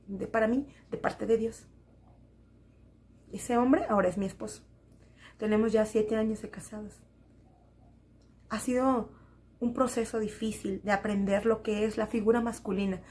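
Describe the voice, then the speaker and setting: A woman's voice: on the high side, darkish tone. A woman gives an emotional church testimony, repeating phrases and speaking straight to the congregation.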